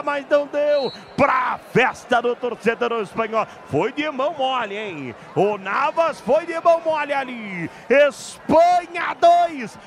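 A Brazilian man calling a football match in exuberant radio-style play-by-play with drawn-out shouts. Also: extremely high pitch, creaky, noisy background. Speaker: football commentator. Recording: crowd and music behind broadcast.

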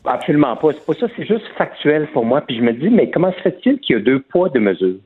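A man's voice: fairly high pitch, big pitch swings, fast, husky. A man with a Québécois accent, a comedian talking as a guest in an interview, emphatic and often repeating words as he searches for the next phrase. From Quebec. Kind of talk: phone-in interview. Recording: tinny phone line.

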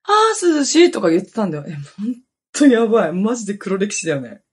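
A woman in her thirties hosting a podcast, telling a personal story in a casual, animated way, jumping between loud exclamations and muttered asides. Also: mid-range voice, fast, slightly rough. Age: 30s. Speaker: podcast host.

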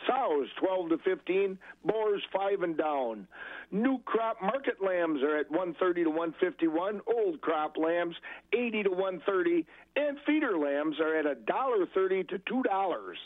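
A man's voice: high-pitched, measured pace, no room sound. Man reading prices over a phone line. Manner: steady, matter-of-fact number reading. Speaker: livestock market reporter. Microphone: telephone.

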